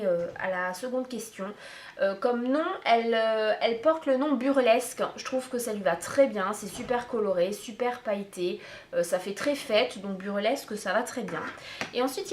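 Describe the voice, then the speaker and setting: A woman's voice: fairly high pitch, a little hiss or hum. A woman beauty vlogger chatting casually and at length to her viewers, talking straight to them as she wanders from point to point. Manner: chatty, meandering, addresses viewers directly. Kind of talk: casual makeup tag vlog. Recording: roomy echo.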